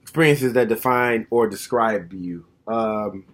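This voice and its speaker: A plainspoken man in his thirties reflects candidly to the camera from home, working through his thoughts out loud in a relaxed monologue. He speaks unhurriedly in a lowish voice.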